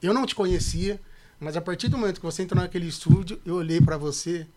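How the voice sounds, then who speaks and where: Fast-talking, high-voiced Brazilian pastor. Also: male voice. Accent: Brazilian Portuguese. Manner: acts out quoted dialogue with lively voice shifts. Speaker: podcast guest, pastor. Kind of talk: animated storytelling in casual podcast chat.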